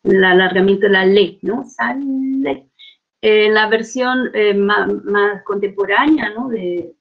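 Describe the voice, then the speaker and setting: A woman's voice: medium pitch, a little slow, dull audio. A woman giving an academic conference lecture, hesitant with many fillers and restarts, often checking in with tag questions.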